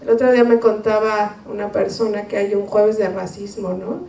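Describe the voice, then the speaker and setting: A woman's voice: medium pitch, little pitch movement, moderate pace, gravelly, dark tone. A woman speaking in a spontaneous academic discussion, hesitant with many restarts and tag questions. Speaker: university panelist. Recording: echoey room, distant mic, faint noise.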